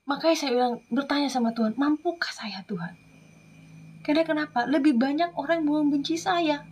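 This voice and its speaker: A woman from Madura, an evangelist, giving an earnest, emotional testimony that often drops into soft whispers. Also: high voice, fairly even intonation, fast talker, a little hiss or hum. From Madura, Indonesia.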